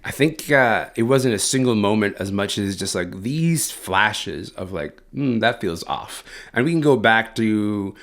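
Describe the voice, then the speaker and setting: A man's voice: lowish voice, lively intonation, measured pace, few pauses, fairly bright tone. A man from Sudan, a culture writer, speaking as an interview guest in a thoughtful, reflective way with frequent "um" and "like". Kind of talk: interview over the phone or remote line.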